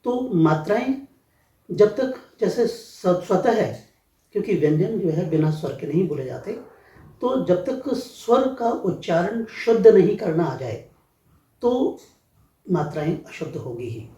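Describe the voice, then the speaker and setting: A man who teaches Hindi, explaining pronunciation in an interview and spelling out sounds one by one in a measured way. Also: high voice, expressive, dark tone, echoey room, distant mic.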